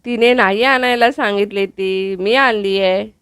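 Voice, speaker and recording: A woman's voice: mid-range voice, fairly even intonation, unhurried, fairly bright tone, clear, resonant tone, no room sound, lightly acted. A woman voicing an easygoing, affectionate young husband in a TV serial recap, in her own voice. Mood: placating.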